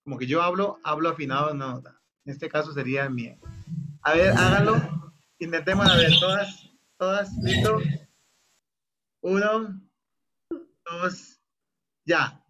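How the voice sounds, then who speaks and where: A man's voice: a little high, a little slow, pauses often, sharp tone, a little hiss or hum. A man directing a choir over a video call, explaining the exercise and then demonstrating it by half-singing the phrases. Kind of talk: online choir rehearsal instruction.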